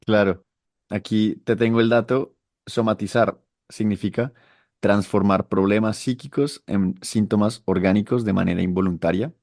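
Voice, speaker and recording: A man's voice: fairly low pitch, fairly even intonation, normal speed, a little mellow, no room sound, clean studio sound. A young man co-hosting a podcast, thinking aloud in a reflective, hesitant way. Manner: reflective, hesitant, many fillers. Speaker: podcast co-host. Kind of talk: casual conversational talk.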